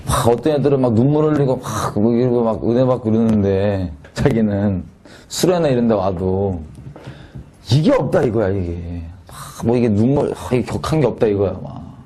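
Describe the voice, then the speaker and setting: A Korean man with a lowish voice preaches a sermon in a lively, conversational style, moving between loud high points and quiet asides.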